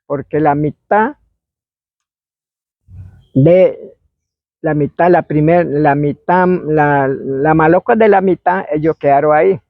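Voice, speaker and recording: A man with a gravelly, fairly high voice tells a spirit story from oral history. His telling meanders and he acts out the shouts and voices of the people in it. The recording sounds thin and phone-like, with no room echo. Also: takes it slowly, pauses often. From Colombia. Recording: dry, phone-like narrow sound.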